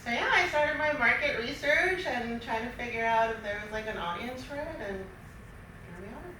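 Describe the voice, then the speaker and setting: A woman's voice: fairly high pitch, moderate pace. A middle-aged woman, chatting informally and giggly as an interview guest. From Queens, New York. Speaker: interview guest, small business owner. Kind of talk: casual talk show interview. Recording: very echoey room, distant mic, noisy.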